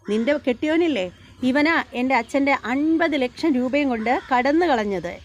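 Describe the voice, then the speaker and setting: A woman's voice: on the high side, fairly quick, a bit bright, slight background noise, natural voice. A woman voicing an angry young man who scolds and taunts his relatives during a family quarrel in a serial recap. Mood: scolding.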